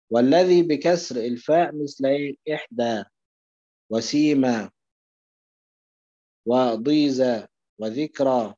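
Mellow-voiced Egyptian man teaching. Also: mid-range voice, dry recording, muffled recording. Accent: Egyptian Arabic. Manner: asks questions and answers them himself. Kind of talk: explaining a lesson.

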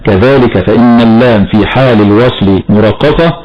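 Deep-voiced man teaching recitation. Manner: measured and explanatory, chants verses slowly. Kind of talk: tajweed lesson with slow recited examples. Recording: dull lo-fi broadcast audio.

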